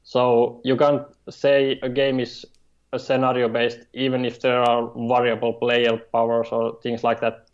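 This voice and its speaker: A man from Finland with a Finnish accent, a game designer speaking as a guest in an interview, halting and hesitant, with many fillers. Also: medium pitch, dull audio. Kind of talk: remote interview.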